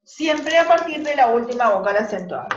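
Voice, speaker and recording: A woman's voice: on the high side, lively intonation, fairly quick, noisy background. A woman teacher with a Rioplatense accent, giving a classroom lesson, patiently repeating key points and checking that students follow. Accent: Rioplatense Spanish. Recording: distant, echoey, muffled classroom recording.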